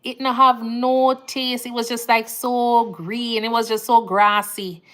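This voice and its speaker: A Jamaican woman who hosts a nurse livestream speaks at a measured pace, her voice on the high side. She reads out what viewers comment and chats in a laid-back way, with a Jamaican accent, Jamaican phrasing, and plenty of easy laughter.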